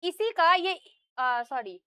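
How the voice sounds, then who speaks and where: A woman's voice: very high voice, big pitch swings, slow, pushed and bright, no echo. A woman teacher giving a classroom lecture, explaining step by step, asking the students questions and often checking in with them. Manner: asks students questions and answers them herself.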